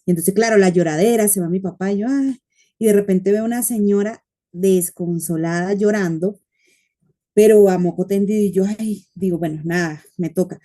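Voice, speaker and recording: A woman's voice: mid-range voice, steady tone, brisk, warm tone. A woman speaking as a panelist, earnest and anecdotal, often using fillers. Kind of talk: panel discussion talk.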